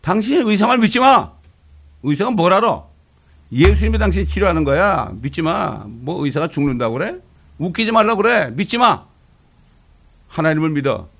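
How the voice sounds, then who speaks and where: A man voicing an insistent middle-aged wife who firmly commands her husband again and again, with a gravelly voice raised well above his own. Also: high-pitched, very animated, very fast, hardly any pauses, voice pushed up, exaggerated voice. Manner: forceful, commanding, repetitive.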